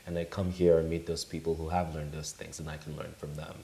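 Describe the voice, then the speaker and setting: A young man from Nigeria, a menswear blogger, talking calmly and humbly as a guest in an interview. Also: rumbling low, fast talker, vocal fry. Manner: calm, humble, reflective. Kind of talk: casual interview chat. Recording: echoey room.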